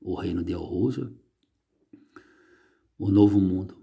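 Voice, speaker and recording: A man, reading and preaching on religious writing, emphatic and slowing on key words, soft and quiet when closing. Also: low-pitched, gravelly. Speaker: religious teacher.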